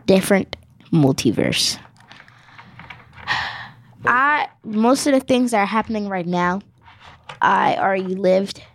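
Playful young woman improvising, lively swooping pitch. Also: takes it slowly, long pauses, a little hiss or hum. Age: teen or young adult. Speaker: podcast guest. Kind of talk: improv game role-play.

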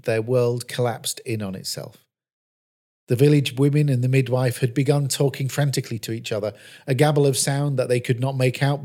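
A man preaching, telling a Bible-based story in a measured, earnest storytelling manner. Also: medium pitch, warm tone. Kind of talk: scripted sermon narration.

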